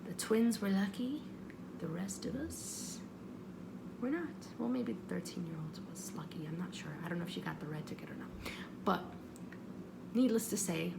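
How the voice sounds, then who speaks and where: With a creaky, mid-range voice, a woman vlogger chats casually through a story, bringing other people's words to life as she acts them out. The clip has noticeable background noise.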